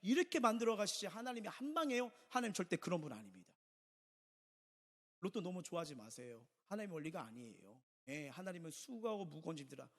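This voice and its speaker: A man's voice: high-pitched, lively intonation, quick pace. A male pastor preaching a Sunday sermon, emphatic, with rhetorical questions and repeated phrases. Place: church sanctuary. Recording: reverberant church hall.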